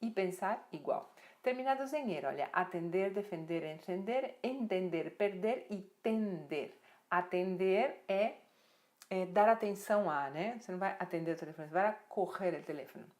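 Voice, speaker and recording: A woman explains Spanish verbs as a teacher. She reads the verb forms out slowly and checks in with her learners often. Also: lowish voice. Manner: lively, repeats verb forms slowly, many tag questions.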